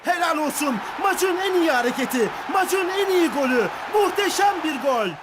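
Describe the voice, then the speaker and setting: A screaming football commentator from a video game, with a very high-pitched voice. He is excitable and openly partisan, shouting his goal calls at full force over clearly noisy stadium ambience. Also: brisk. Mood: ecstatic, screaming.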